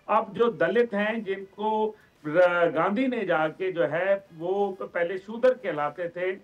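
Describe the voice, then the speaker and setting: A man with a high voice and a Pakistani accent, an organisation chairman appearing as a guest commentator on a political television talk show, gives emphatic, lengthy explanations. The sound is lo-fi.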